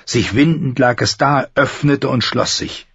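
A man's voice: mid-range voice, measured pace, fairly bright tone, slightly rough, no echo, lo-fi sound. A man narrating a fantasy audiobook with tense, vivid storytelling. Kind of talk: dramatic fantasy audiobook reading.

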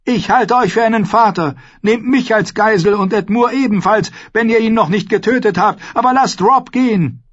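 A man's voice: high-pitched, normal speed, breathy edge, muffled recording, voice pushed up. A man voicing a noblewoman and mother who pleads urgently, in an audiobook. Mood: pleading. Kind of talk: audiobook character voice.

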